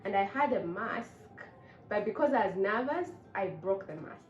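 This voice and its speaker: A woman's voice: medium pitch, muffled recording. Woman, late 20s, bubbly, echoey room, a bit far from mic. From Uganda. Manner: bubbly, expressive, quick to laugh. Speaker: host. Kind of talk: casual chat.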